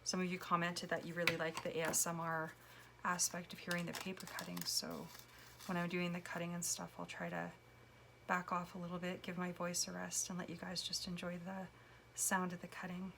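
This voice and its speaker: A woman giving casual commentary while making a collage, a little hoarse as she loses her voice, dropping to a whisper as she works. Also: fairly low pitch, completely flat delivery, brisk, background noise. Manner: chatty, drops to a whisper while working. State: losing her voice. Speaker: collage artist.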